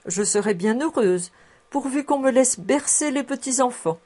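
A woman's voice: high-pitched, animated, normal speed, warm tone, voice pushed up. A woman playing a chuckling old housekeeper. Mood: coaxing. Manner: chuckling, fussing, coaxing. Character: cheerful old female housekeeper, sixty-four, toothless.

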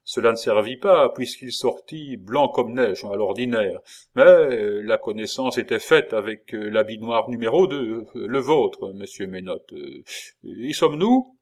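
A man voicing a swaggering convict innkeeper who talks like a salty old sailor, loud and boastful. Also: medium pitch, expressive, a little slow. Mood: gruff boasting.

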